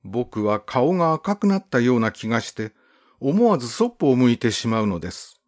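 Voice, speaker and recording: A man reading a first-person literary story aloud in a measured, gently expressive storybook narration. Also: medium pitch. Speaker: audiobook narrator.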